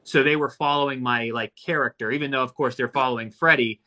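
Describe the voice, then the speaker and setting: A man's voice: mid-range voice, steady tone, fast, bright, forceful tone. A man in his thirties chatting casually on a live stream, earnest and thoughtful, often restarting his sentences. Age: 30s. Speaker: actor hosting a live stream. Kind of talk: casual chat.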